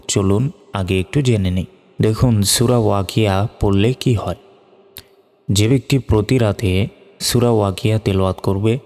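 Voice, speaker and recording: A man teaching Quran recitation, spelling letters and vowel marks one by one and chanting each verse slowly. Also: on the low side, a little mellow. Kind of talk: religious lesson with spelled-out recitation. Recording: long reverb with faint music.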